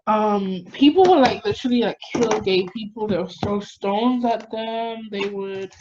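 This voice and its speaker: A woman chats casually at a medium pitch, rambling from one thought to the next. The recording is a bit dull and lo-fi, with some background noise. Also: a little slow. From Caribbean, lived in Jamaica. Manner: rambling, peppered with "like". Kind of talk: casual chat. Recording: dull lo-fi sound, noisy background.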